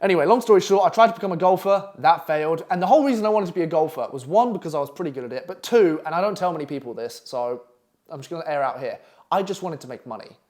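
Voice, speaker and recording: A brash, fast-talking man from Essex, England, speaking with a fairly high, animated and slightly mellow voice. He's a copywriting coach giving an online masterclass presentation from a London flat, and his manner is profane and pushy.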